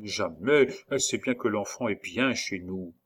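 A man reading a storybook voices a superstitious, frightened peasant nurse woman, crying out her lines in a raised, high voice. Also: a little slow, breathy edge. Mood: wary. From Normandy (figure). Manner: high, cried-out exclamations.

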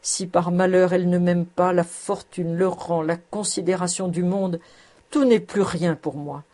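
A woman's voice: fairly low pitch, steady tone, unhurried, dark tone, natural voice. A woman reading the lines of a lovestruck young male suitor, speaking with fervent, heartfelt eloquence. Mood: tender.

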